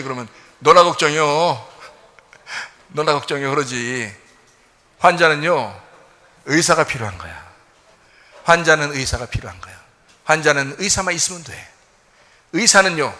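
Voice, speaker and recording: A man's voice: on the high side, bright, forceful tone, big-room sound. A male pastor preaching a sermon in a conversational way, firing off rhetorical questions and acting out little quoted exchanges. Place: church.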